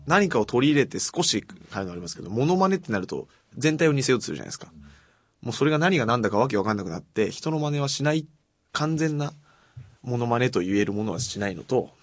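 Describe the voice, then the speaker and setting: A man hosts a casual radio show and reads listeners' letters aloud at an ordinary pitch. He talks softly and puts himself down, often fading to a murmur at the end of a thought. The studio sound is dry and close, with no room echo. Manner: soft-spoken and self-deprecating, often trailing off quietly.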